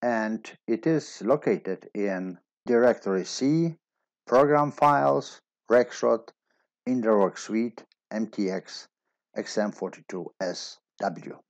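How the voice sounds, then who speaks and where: A man giving a steady step-by-step technical tutorial as a voice-over. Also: fairly low pitch, takes it slowly, no echo, lo-fi sound. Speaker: instructor.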